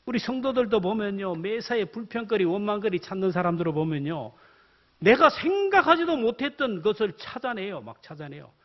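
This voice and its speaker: Animated high-voiced male pastor preaching. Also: brisk. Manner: animated storytelling, acting out the people in his stories. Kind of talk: sermon. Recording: dull lo-fi sound.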